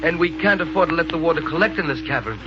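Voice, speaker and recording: A man's voice: on the high side, lively intonation, racing, music in the background. An actor playing a fretful, pleading male leader of an underground city in a 1930s radio drama, heard on an old radio recording. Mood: anxious. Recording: muffled old radio recording, faint hiss.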